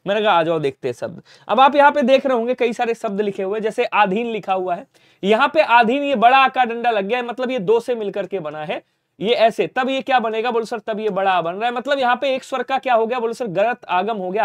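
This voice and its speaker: A man's voice: very high voice, no echo, studio quality. A man teaching a Hindi spelling lesson for exam preparation, asking questions and answering them himself, with constant reminders to remember the words. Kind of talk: online exam-prep lesson.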